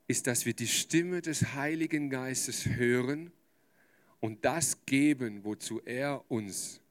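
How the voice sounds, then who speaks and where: A man preaching a sermon as pastor, speaking directly and emphatically to his listeners and acting out short quoted asides. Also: mid-range voice.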